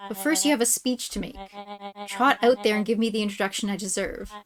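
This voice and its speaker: A woman voicing a pompous villain mastermind in a boy's body for a story game, with slow, theatrical, condescending menace. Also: mid-range voice, over music, lightly acted. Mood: scornful. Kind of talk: voiced reading of story game dialogue.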